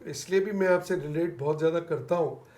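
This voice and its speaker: A man's voice: fairly high pitch, fairly quick, darkish tone, echoey room. A man hosting a talk show, telling reflective stories, laughing often and slipping English phrases into his talk. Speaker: podcast host. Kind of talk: casual interview chat.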